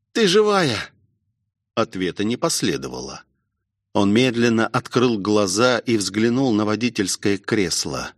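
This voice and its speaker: A man narrating an action audiobook in a steady dramatic reading. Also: medium pitch, no room sound, studio quality.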